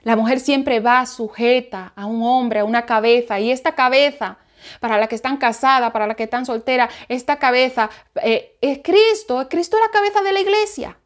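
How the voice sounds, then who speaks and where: A woman's voice: a little high, normal speed. A woman giving spoken Bible teaching, repeating her points emphatically with many restarts. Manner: repetitive, emphatic preaching with restarts.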